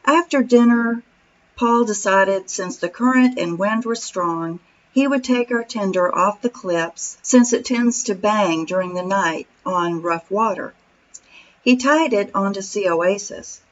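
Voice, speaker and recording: A vlog narrator, a woman with a mid-range pitch, delivers a scripted story as voice-over in an even, storytelling manner at a measured pace. The recording sounds a little dull and lo-fi.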